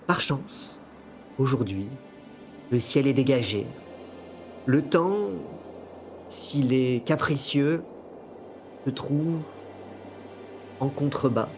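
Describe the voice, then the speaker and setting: A man narrating a tabletop game as game master, with a theatrical, deliberate storytelling delivery. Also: medium pitch. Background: soft music bed.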